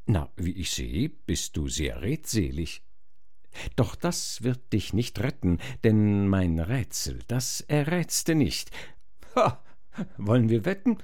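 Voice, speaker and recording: A haughty she-sphinx taunts her victim in rhymed verse, as a man puts her on. The voice swoops lively through its pitch while the delivery stays unhurried and theatrical. It is a comic stage performance. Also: full character voice. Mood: taunting. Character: haughty female riddling sphinx monster.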